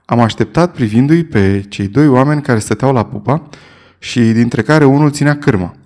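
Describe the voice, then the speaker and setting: A man reading a story aloud in the first person, with measured, steady storytelling. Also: mid-range voice. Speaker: narrator. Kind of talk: scripted first-person narration.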